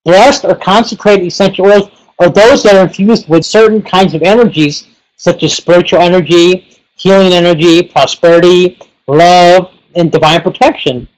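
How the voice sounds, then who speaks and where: High-voiced man teaching with lots of fillers. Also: normal speed, poor audio. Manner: rambling, heavy on fillers like "you know" and "like". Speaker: pranic healing teacher. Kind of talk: casual webinar presentation.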